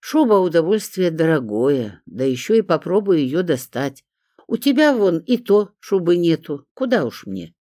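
A grumbling elderly woman of seventy-one, nagging and complaining, her voice pitched up high and pushed loud, lively and swinging, as the audiobook reader puts her on. The sound is dry and close. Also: normal speed, no room sound. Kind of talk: audiobook character voice.

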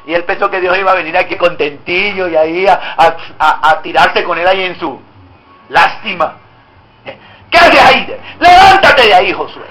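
Male pastor, very high voice, bright tone, emphatic preaching, call-and-response. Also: fairly even intonation, moderate pace, a little hiss or hum, poor audio. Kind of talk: sermon.

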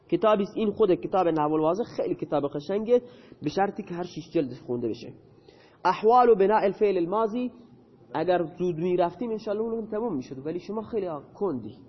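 A man's voice: high voice, husky, in a large hall, highs cut off. A male teacher explaining Arabic grammar in a lesson, asking questions and answering them himself.

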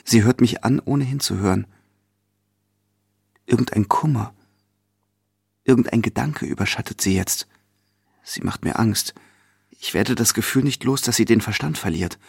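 A man narrating a classic novel in the first person, his voice husky in a medium register. He reads in a measured way, leaning into the drama of each scene. The sound is close and dry, with no room around it. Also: lowish voice, a little mellow, no room sound. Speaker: reader.

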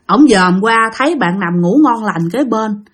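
A woman's voice: medium pitch, lively intonation, measured pace, slightly rough. A woman with a Southern Vietnamese accent telling a ghost story in a chatty, casual way, often speaking directly to listeners.

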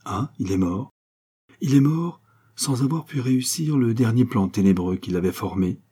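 A man reading an audiobook, voicing a calm and composed countess who speaks in a cool, measured way. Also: mid-range voice, breathy edge, lightly acted.

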